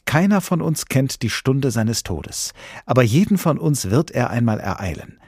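A man reading a story aloud and voicing a wide-eyed law student who preaches loudly during his exam. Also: mid-range voice, sing-song, moderate pace, breathy edge, dry recording, studio quality, voice pushed up. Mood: fervent. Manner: loud, fervent, sermon-like declaiming.

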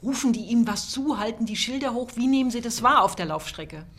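A woman's voice: on the high side, expressive, fairly quick, fairly bright tone. A female radio host asking friendly, chatty interview questions.

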